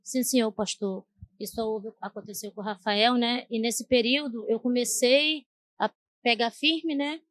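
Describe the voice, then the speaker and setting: A woman tells her story in an earnest testimony, her voice sitting high. The sound is dry and close, with no room around her. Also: steady tone, normal speed, fairly bright tone, no room sound. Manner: earnest, repeatedly addressing the pastor. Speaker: interviewee giving a church testimony. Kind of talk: emotional personal testimony.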